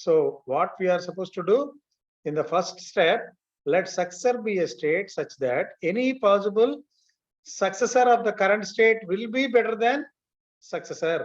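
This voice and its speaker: At a normal pace, a high-pitched man with a Telugu Indian accent leads an online class in careful steps. He moves between Telugu and English and often makes sure everyone understands, all on dull, low-fidelity audio.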